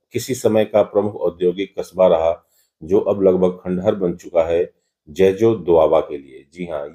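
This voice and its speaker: Male travel vlogger, lowish voice, relaxed and unhurried, frequent filler pauses, casual guide tone. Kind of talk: casual travel vlog narration. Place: driving on hilly roads, then at a roadside dhaba and outdoors.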